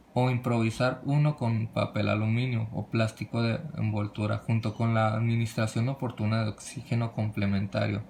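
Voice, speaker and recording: A man presenting a medical lesson from slides, reading in a halting way with frequent restarts and cut-off words. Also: on the low side, gravelly, darkish tone, slight background noise.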